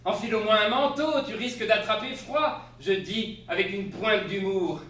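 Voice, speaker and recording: A man playing a flustered, animated storyteller. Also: sits high, measured pace, heavily acted. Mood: flustered, amused. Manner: animated, exclamatory, laughs through lines. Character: flustered spouse telling an absurd tale. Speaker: stage actor. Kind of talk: theatrical comic monologue. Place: theater stage. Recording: echoey stage, distant mic, faint hiss.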